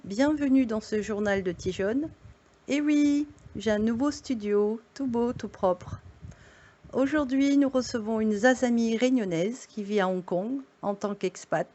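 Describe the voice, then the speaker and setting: A woman's voice: on the high side, measured pace, dark tone, highs cut off. A woman hosting a show, greeting viewers in a chatty way and asking interview questions. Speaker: host.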